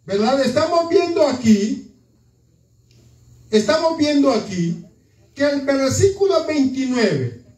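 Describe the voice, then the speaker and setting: A man's voice: very high-pitched, sing-song, slow, pauses often, darkish tone. A man preaching a sermon in a church, in a conversational manner that keeps checking in with the congregation. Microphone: church sound system, far from the mic. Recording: echoey church from far off.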